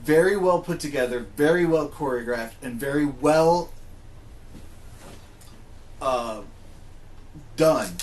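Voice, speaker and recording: In a roomy, echoing space, a podcast host with a somewhat high voice talks slowly with long pauses, offering informal, opinionated takes in a casual discussion of video game movies.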